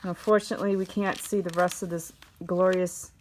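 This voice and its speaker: A woman's voice: fairly low pitch, little pitch movement, a little fast, slight background noise. A woman vlogger rambling casually while flipping through her old comics, with dry offhand asides. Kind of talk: casual vlog chat.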